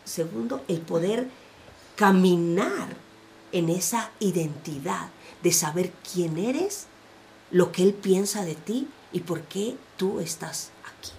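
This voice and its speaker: A woman hosting a faith-based podcast, talking in a passionate, preacher-like way and swinging between soft and loud passages. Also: lowish voice, animated, takes it slowly, gravelly, a little hiss or hum. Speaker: podcast host.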